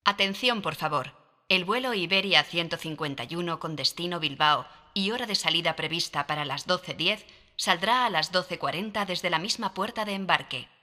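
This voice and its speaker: A woman's voice: on the low side, sharp tone. Formal woman airport announcer, echoey. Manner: formal, measured. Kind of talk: scripted public-address announcement.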